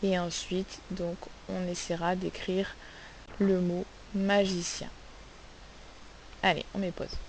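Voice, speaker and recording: Slow, clear-spoken woman teacher. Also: lowish voice, flat delivery, rough recording. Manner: slow, carefully spelled-out sounds, asks questions. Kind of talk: recorded phonics lesson. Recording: faint hiss.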